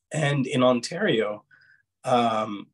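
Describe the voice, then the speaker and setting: Over a video call with poor, husky-sounding audio, a middle-aged man with a mid-range voice and a slight foreign accent answers interview questions reflectively. He explains himself hesitantly and keeps rephrasing. He comes from Egypt, Kuwait and Canada.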